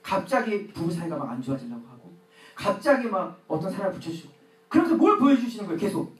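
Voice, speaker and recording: A middle-aged male pastor gives an animated sermon, acting out his own prayers and quarrels. His pitch swings widely from line to line. He is heard from some distance in an echoey church sanctuary. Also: quick pace.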